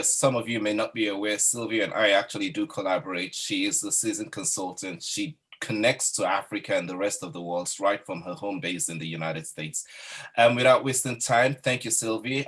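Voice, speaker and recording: Low husky male panel moderator. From Nigeria. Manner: warm, introduces each guest by name. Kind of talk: online panel discussion.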